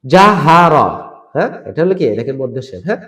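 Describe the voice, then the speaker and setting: A man's voice: medium pitch, very animated, rapid-fire, mellow, roomy sound. A man with a Bangladeshi Bengali accent teaching Quran letter pronunciation, drilling syllables aloud and mixing in English words. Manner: mixes English words into instruction. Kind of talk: online recitation lesson.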